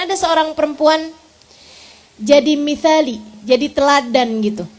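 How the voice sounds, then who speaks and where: Seorang pendakwah perempuan paruh baya yang berceramah kepada ibu-ibu dengan gaya bercerita yang hidup dan sesekali tertawa. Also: female voice, high voice. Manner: lively, animated storytelling with laughs. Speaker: preacher. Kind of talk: religious lecture to women.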